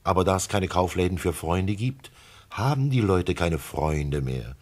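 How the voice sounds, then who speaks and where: A man voicing a wise, gentle male fox with a husky voice, speaking in a lively, heartfelt way in a classic radio play. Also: sits low, a little slow. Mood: pleading, tender. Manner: lively, pleading, heartfelt delivery.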